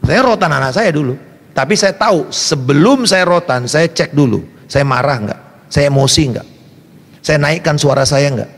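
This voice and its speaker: Animated high-voiced man preaching. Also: normal speed, big-room sound. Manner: animated preaching, mixing in English phrases, acting out shouts and quotes. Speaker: pastor. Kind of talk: sermon.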